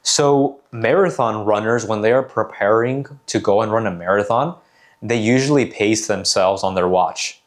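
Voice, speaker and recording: A man coaching on sales calls in a measured, deliberate way, repeating key phrases for emphasis. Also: fairly low pitch. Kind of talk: instructional talk.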